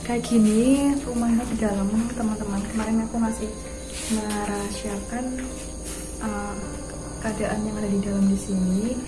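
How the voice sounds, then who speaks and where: A woman's voice: mid-range voice, little pitch movement, normal speed, over music, low-quality recording. A woman hosting a casual night exploration vlog, speaking in a nervous, hesitant way and often repeating her words. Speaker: vlog host exploring empty houses.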